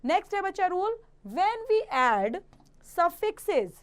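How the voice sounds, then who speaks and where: A woman with an Indian accent and a very high voice with big pitch swings teaches children a grammar lesson. She reads the English slowly and carefully, then quickly explains it in Hindi.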